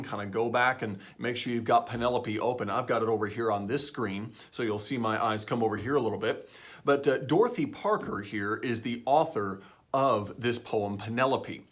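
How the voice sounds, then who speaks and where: A male teacher giving a recorded lesson, explaining in a conversational way and often checking in with "right?". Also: medium pitch.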